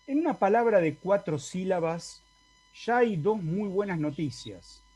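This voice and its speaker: Slow, mellow-voiced male Latin teacher. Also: high voice, animated, breathy edge. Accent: Argentine Spanish. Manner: explanatory, asks the class for confirmation. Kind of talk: online lecture. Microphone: video call.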